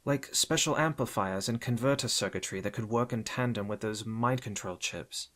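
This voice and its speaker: A man's voice: fairly low pitch, pitched above the performer's own voice, natural voice. A man voicing Batgirl, a bold young female crimefighter, in an audiobook reading, eager and teasing. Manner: quick, excited and teasing. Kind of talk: audiobook character voice.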